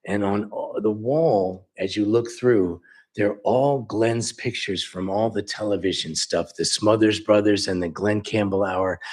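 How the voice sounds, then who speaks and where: A man's voice: on the low side, a little mellow. A man who runs a music store telling chatty anecdotes at a council meeting, acting out the quoted dialogue. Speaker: local music store owner presenting. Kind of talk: storytelling presentation at a council meeting.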